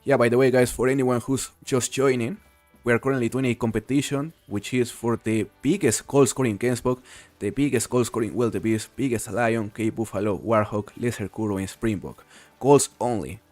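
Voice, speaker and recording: Soft background music accompanies a medium-pitched male voice at a moderate pace, with few pauses and no echo. The speaker, from Mexico, hosts a casual game stream, relaxed and chatty while reading chat and responding to viewers mid-game.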